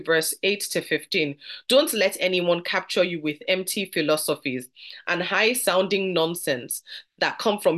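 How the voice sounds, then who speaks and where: A woman's voice: fairly low pitch, a bit bright. Earnest woman teaching a Bible study. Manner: earnest, conversational, slows down to read scripture.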